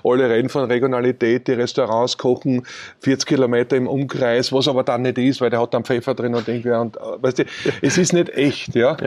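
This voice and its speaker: A man's voice: medium pitch, steady tone, fairly quick, a little mellow. A man with an Austrian accent, a chocolatier answering interview questions in a rambling way, with lots of fillers and chuckles. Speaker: chocolatier and company founder.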